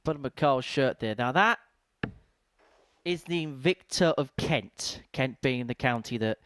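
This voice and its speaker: A man's voice: medium pitch, animated, unhurried, a bit bright, no echo, clean studio sound. A man giving live darts commentary in a chatty, wordy way with playful turns of phrase.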